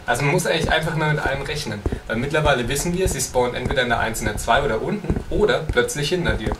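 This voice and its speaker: A man's voice: mid-range voice, very fast. A young man co-hosting a horror game let's play, casual and teasing in his commentary. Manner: joking, teasing, bantering. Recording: roomy, distant mic with background noise.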